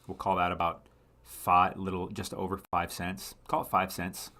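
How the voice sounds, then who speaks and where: A man's voice: deep voice, completely flat delivery, normal speed, pushed and bright. A man hosting a casual live stream, thinking aloud as he analyses charts, answering viewers and often correcting himself mid-sentence. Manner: thinks aloud, rambling with frequent self-corrections; reads viewer comments and answers them. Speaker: livestream host.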